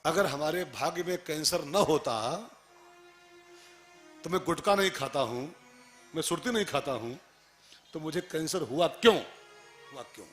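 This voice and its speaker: A middle-aged man preaches a sermon in a fairly high voice. He fires off rhetorical questions and repeats phrases for emphasis. Faint music plays behind him. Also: expressive, measured pace, pauses often, a bit bright. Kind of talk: devotional sermon.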